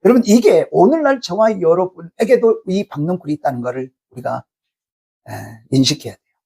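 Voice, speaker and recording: A man's voice: high-pitched, expressive, fairly quick, gravelly, mellow. A man preaching a Sunday sermon as pastor in a church, speaking emphatically and firing rhetorical questions at the congregation. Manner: acts out angry complaints to God. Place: church sanctuary.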